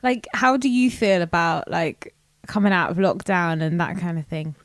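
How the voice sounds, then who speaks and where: A woman's voice: on the low side, normal speed, no echo. A woman guest in a casual podcast chat, playful and giggly.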